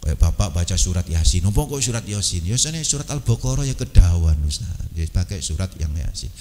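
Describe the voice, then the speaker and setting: A man's voice: low-pitched, lively intonation, fairly quick, dark tone, long reverb tail, slight background noise. Javanese-accented man preaching in a mosque. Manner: conversational, addresses audience as Pak, mixes in Javanese and chanted Quran verses. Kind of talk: mosque sermon.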